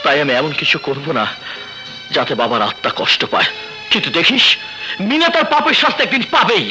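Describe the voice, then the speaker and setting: Film drama: a grave, righteous elder son, animated delivery, score behind. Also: male voice, a little high, brisk, heavily acted, rough recording. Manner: earnest, pleading, accusing. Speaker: elder brother. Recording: film soundtrack with music underneath.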